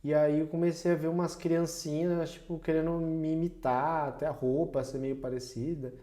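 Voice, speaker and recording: A man's voice: on the high side, flat delivery, normal speed, mellow. A man in a casual podcast conversation, telling reflective stories and often laughing at himself. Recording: roomy echo.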